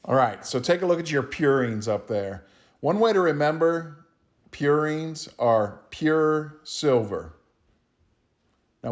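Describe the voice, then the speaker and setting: A man with an Appalachian accent teaching in an informal recorded lesson, explaining things in a plain-spoken, folksy way. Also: medium pitch. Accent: Appalachian hillbilly. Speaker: biology teacher.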